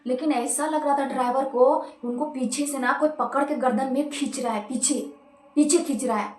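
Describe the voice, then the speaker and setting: A woman's voice: high-pitched, fairly even intonation, moderate pace, a little mellow. A woman telling a horror story in a casual, chatty way, addressing listeners as friends. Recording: echoey room.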